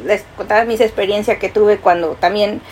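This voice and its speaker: A woman's voice: mid-range voice, fairly quick, a little hiss or hum. A woman from Peru with a Peruvian Spanish accent, co-hosting a casual podcast chat and telling stories while acting out the quotes. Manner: animated storyteller, acts out quotes, laughs often. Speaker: podcast co-host.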